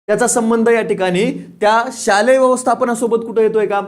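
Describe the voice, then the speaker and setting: A man's voice: very high-pitched, fairly even intonation, fairly quick. A man teaching an online exam-prep lesson. He asks questions, answers them himself, repeats key points and chuckles now and then. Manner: repeats key points, says "lakshat theva"; casual, chuckles and teases students.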